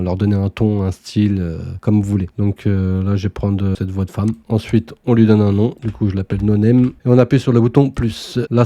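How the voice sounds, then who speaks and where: Laid-back low-voiced man. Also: dark tone, no room sound, studio quality. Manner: laid-back, chatty, addresses viewers directly. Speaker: tech YouTuber. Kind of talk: casual screen tutorial.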